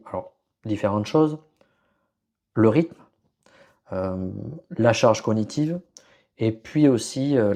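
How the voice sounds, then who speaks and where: Male podcast host, low-pitched, mellow tone, hesitant explanatory delivery. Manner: many fillers and restarts, searching for words. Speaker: podcast host presenting on leadership. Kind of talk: hesitant solo explanatory talk.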